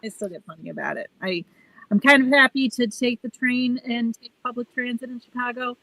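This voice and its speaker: A woman's voice: fairly high pitch, brisk, gravelly, a bit bright, no room sound, rough recording. A woman co-hosting in casual chat, rambling and conversational while getting over a cold. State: has a cold. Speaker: podcast co-host.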